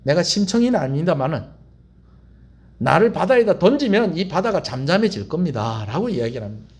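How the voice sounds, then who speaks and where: A man's voice: a little high, sing-song, fairly quick, darkish tone, breathy edge, full character voice. A pastor acting out a sulky, stubborn male prophet, defiant and grumbling. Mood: resigned.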